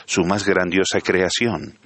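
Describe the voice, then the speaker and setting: A man with a very low, deep voice interprets a church sermon. He speaks in a measured, steady way and stumbles over a word now and then.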